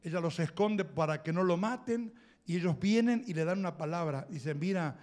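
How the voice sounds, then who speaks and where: A man's voice: high-pitched, animated, fairly quick, darkish tone. A male pastor with a Rioplatense accent preaching a sermon, emphatic and exhorting, calling on the congregation to repeat after him. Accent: Rioplatense Spanish. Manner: emphatic, exhorting, with audience call-and-response. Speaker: apostle and pastor.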